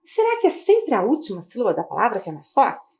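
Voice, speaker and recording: A woman teacher giving a video lesson to children, speaking slowly and clearly and asking the pupils questions. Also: on the high side, huge pitch swings, darkish tone. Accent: Brazilian Portuguese.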